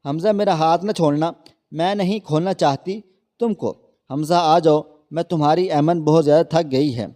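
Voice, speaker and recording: A man's voice: on the high side, mellow, in a large hall, lightly acted. A man voicing a desperate young wife in a storybook reading, pleading and emotional. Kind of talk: storybook narration.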